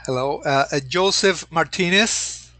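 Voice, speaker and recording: Male instructor for an online lecture, halting delivery, slightly high bright voice, dry close sound. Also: no echo. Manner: hesitant, many pauses and restarts.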